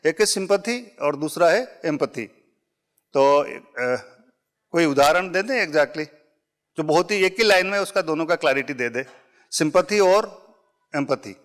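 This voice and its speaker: A middle-aged man giving a conversational public speaking workshop to a live audience, mixing English phrases into his talk and illustrating points with everyday examples. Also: fairly high pitch.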